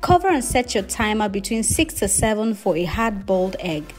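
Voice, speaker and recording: A woman's voice: mid-range voice, very animated, moderate pace, soft background music. A woman hosting her cooking channel, giving friendly step-by-step instructions in a voice-over. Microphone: voice-over, not recorded on camera.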